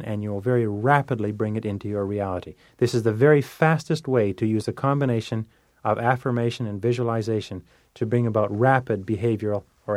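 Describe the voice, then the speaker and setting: A man's voice: mid-range voice, darkish tone, no echo, studio quality. A man giving a self-help lecture, coaching listeners in an emphatic, repetitive way. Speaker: motivational speaker.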